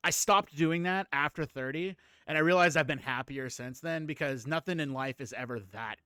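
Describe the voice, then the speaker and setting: A man in his late thirties chats loosely on a livestream, rambling and breaking into laughs as he greets viewers. His voice sits a little high. The sound is close and dry. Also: moderate pace, pushed and bright, clear, resonant tone, dry recording. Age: 30s. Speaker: streamer host. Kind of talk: casual chat.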